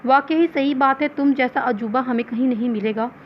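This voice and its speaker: A woman's voice: high-pitched, normal speed, muffled recording, a little hiss or hum, lightly acted. A woman reading the lines of a teasing young female cousin in a recorded novel.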